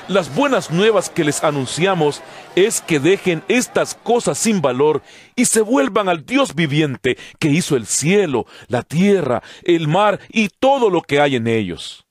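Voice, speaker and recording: Man acting as an impassioned apostle, animated and high. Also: dry recording. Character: impassioned male apostle preaching to a pagan crowd. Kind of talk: dramatized Bible acting.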